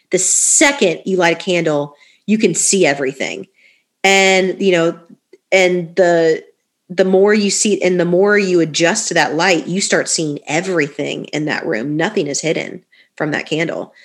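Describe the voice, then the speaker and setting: Earnest woman, slightly low voice. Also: unhurried, fairly bright tone. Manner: earnest, repeats phrases for emphasis, many "like" fillers. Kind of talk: casual podcast talk about faith and healing.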